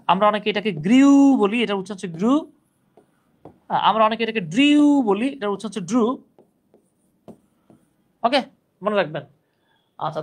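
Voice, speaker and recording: A young man teaching English grammar in a live online class, patiently explaining rules and reading out viewers' comments. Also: high-pitched.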